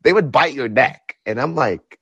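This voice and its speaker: A man's voice: mid-range voice, expressive, normal speed, a bit bright, breathy edge, no room sound, lo-fi sound. A young man in a casual group chat about video games, slangy and often repeating himself.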